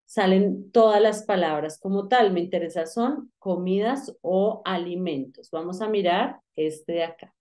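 A woman teaching English in a relaxed lesson, repeating words and explaining pronunciation. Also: on the low side, measured pace, hardly any pauses. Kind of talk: casual online English lesson.

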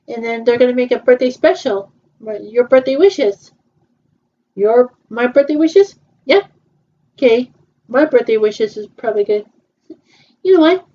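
In her twenties, this woman has a fairly high, mellow voice and improvises fan roleplay dialogue. Her delivery is hesitant and halting, full of repeats, fillers, and restarts. The audio is muffled and lo-fi, like a cheap home recording.

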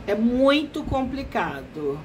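A therapist talks unhurriedly to her live-stream viewers, her voice pitched a touch high and stuffed-up and nasal from allergies. There is faint ambient noise behind her. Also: big pitch swings, poor audio. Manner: slow, unhurried, explanatory. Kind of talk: casual live-stream talk.

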